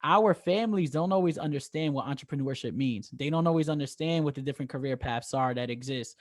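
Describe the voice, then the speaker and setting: Speaking fast in a fairly high voice, a podcast co-host with a New York Bronx accent keeps up an enthusiastic, casual interview, checking in with "right?" again and again. The recording is dry, with clean studio sound.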